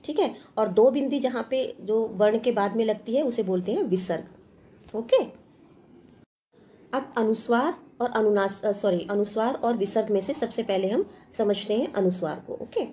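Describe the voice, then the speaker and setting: A woman teaching a school grammar lesson in a patient, step-by-step way. Her voice sits a little high with a soft, mellow tone. She keeps asking the class questions and answering them, mixing in English terms as she explains. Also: animated, normal speed. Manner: patient, asks questions then answers them, addresses students as children.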